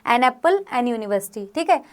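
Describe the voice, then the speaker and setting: Lady teacher, fairly high voice, keeps asking "theek hai?" as she explains. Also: animated, brisk. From India. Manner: frequent check-in questions to students. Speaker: grammar teacher. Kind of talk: explanatory classroom lesson.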